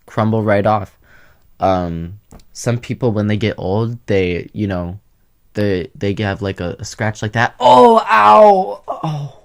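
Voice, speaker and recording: A young man with a slightly low voice chats to the camera in a loose, rambling way. He is sassy and quick to change topics, and he keeps it casual throughout. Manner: chatty, sassy, jumps between topics. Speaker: vlogger. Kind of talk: casual rambling vlog chat.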